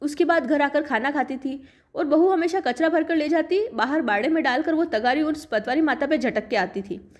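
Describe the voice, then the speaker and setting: A woman's voice: high-pitched, moderate pace. A woman, narrating devotional folk tales in a plain, homely storytelling tone.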